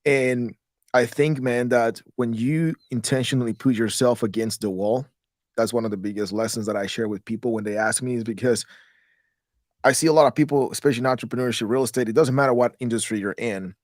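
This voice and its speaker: A man from Guatemala in his thirties talks as an interview guest in a mid-pitched voice. He rambles and restarts words as he goes. The recording is close and very dry, with no room sound. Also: fairly even intonation, fairly quick, no room sound. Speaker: guest, real estate investor. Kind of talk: casual interview talk.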